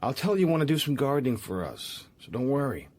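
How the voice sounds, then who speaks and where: An actor playing Tom, a watchful, worldly man in a radio drama, speaking in a measured, guarded way. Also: medium pitch, big pitch swings, a little mellow. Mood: reassuring, probing. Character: Tom, watchful worldly man sheltering a runaway, narrating his thoughts. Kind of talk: radio drama narration and dialogue. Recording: music under the voice.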